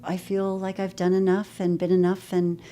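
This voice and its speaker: A woman's voice: fairly low pitch, monotone, normal speed, warm tone. A woman in her sixties who teaches yoga and owns a studio, talking in an upbeat, self-assured way in an interview. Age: 60s. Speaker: yoga instructor and studio owner. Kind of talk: reflective interview talk.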